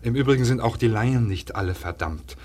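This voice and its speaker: A man reading a first-person literary monologue aloud in a measured, solemn and dramatic way, sometimes dropping to a hush. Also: mid-range voice.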